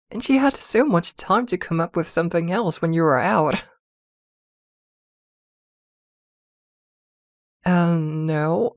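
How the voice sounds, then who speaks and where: In an intimate ASMR fantasy drama, a woman plays a possessive witch girlfriend who is protective, doting and jealous, with a tender, curious mood. Her slightly low voice moves slowly with hesitant pauses, lightly acted and recorded very close and dry, without echo.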